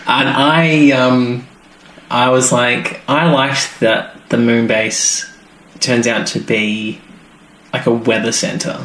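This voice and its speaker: A podcast co-host chats casually while reviewing a TV serial, rambling and trailing off mid-thought. His mid-range voice is level, slow and a bit bright, recorded in an echoey room with background noise.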